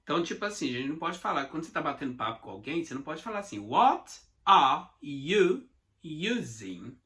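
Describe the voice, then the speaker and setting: A man's voice: on the high side, sing-song, very fast, bright, forceful tone. A Brazilian man teaching English in a casual video lesson, chatty and repetitive, talking straight to his viewers. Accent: Brazilian Portuguese. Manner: chatty, repeats phrases, addresses viewers directly.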